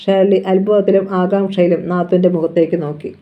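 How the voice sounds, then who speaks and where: A reader narrating a novel aloud with steady, even storytelling. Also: medium pitch, fairly quick. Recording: dull lo-fi recording.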